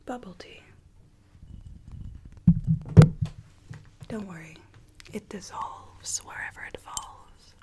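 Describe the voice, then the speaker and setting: A woman playing a sweet rogue Alice from a storybook in a whispered ASMR roleplay, telling her tale in a soft, coaxing, theatrical way. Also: medium pitch, measured pace, natural voice. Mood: gently coaxing.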